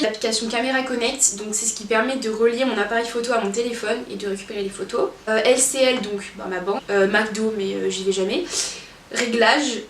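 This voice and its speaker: Young woman, vlogger, casual chat, rambling with fillers, fairly high voice, roomy echo, off-mic. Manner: chatty, rambling with many fillers. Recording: echoey room, from a distance, faint noise.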